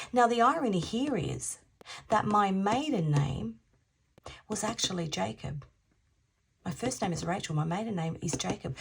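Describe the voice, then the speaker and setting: A woman in her fifties giving an intuitive tarot reading, musing aloud, repeating phrases and sometimes dropping into soft half-whispers. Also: mid-range voice, husky. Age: 50s. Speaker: tarot reader.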